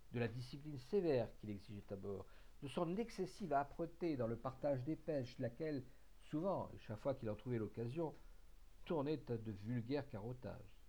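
Man reading a classic tale, mellow tone. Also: mid-range voice, slightly rough. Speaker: audiobook reader. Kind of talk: literary narration.

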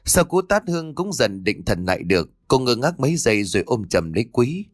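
A man narrating a horror audiobook in an expressive, dramatic storytelling manner. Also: medium pitch, brisk, no room sound. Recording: dry close studio read, faint music.

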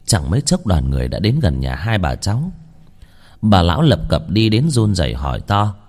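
A man reading a ghost story aloud in measured, dramatic storytelling. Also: low voice, sing-song, darkish tone. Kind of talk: scripted ghost-story narration.

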